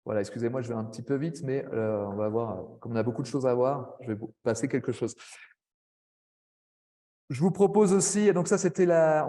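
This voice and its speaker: A man giving a webinar presentation to language teachers, chatty, with frequent tag words and quick asides. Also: mid-range voice, warm tone. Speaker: French language teacher trainer.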